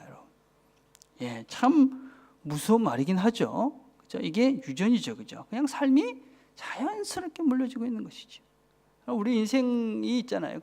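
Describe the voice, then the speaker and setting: Lively Busan-accented pastor preaching. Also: male voice, high voice, vocal fry. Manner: keeps asking the congregation for agreement, drops to a whisper for emphasis. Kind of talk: sermon. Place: church.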